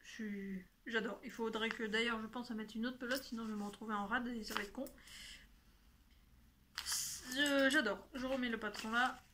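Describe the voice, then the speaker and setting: Speaking at normal speed in a steady, fairly high voice, the woman is heard over some background noise. It's a casual chat to camera on her knitting video podcast, where she displays her work and yarn and frequently corrects herself.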